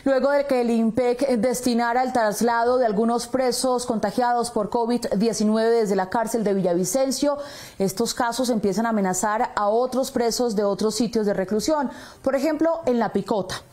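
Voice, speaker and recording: A woman anchoring a television newscast, reading the news in a crisp, measured way into a studio microphone. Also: on the high side, darkish tone.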